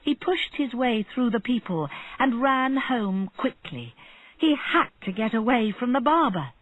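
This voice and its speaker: Woman narrator, slow storybook reading, lively intonation, dry muffled sound. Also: on the high side, no room sound. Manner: clear, deliberate, expressive.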